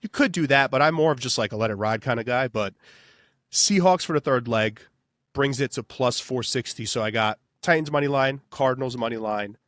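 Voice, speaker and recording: A man's voice: mid-range voice, a little fast, fairly bright tone, dry recording. Man, casual sports betting podcast host, easygoing, filler-heavy, dry close sound. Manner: loose, filler-heavy, says "baby".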